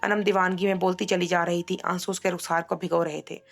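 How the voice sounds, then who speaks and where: A woman narrating a romance novel in a steady storytelling voice. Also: lowish voice, fairly quick, gravelly.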